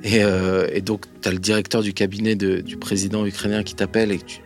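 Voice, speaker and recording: A man telling a lively anecdote in an interview, with lots of hesitations, speaking straight to his listener. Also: fairly low pitch, a little fast, faint music behind. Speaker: interview guest. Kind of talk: casual storytelling.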